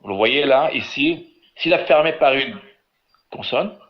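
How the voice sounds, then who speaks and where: A man's voice: mid-range voice, expressive, measured pace. Man teaching over a video call. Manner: patient, corrects reading syllable by syllable. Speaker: biblical Hebrew teacher leading a webinar. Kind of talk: online class, calling on students. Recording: slightly dull online audio with faint noise.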